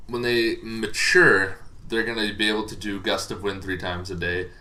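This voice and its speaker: A man's fairly low voice comes across flat, bright and forceful at normal speed. He is a dungeon master giving a casual, unplanned explanation of tabletop monster lore, loose, rambling and hesitant, with faint noise in the background.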